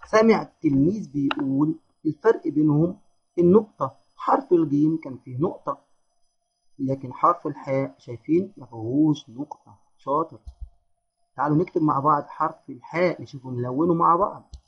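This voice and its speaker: A man with an Egyptian accent teaching young children their letters, praising them and drawing out each syllable slowly. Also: on the high side, creaky, slightly rough. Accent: Egyptian Arabic. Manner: encouraging, drawn-out syllable drills. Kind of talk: children's phonics lesson. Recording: dull lo-fi lesson audio.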